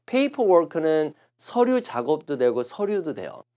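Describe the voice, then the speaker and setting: A man lecturing on English test answers, explaining patiently and repeating phrases slowly to show how they are pronounced. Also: on the high side, big pitch swings, dark tone. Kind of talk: recorded classroom lecture.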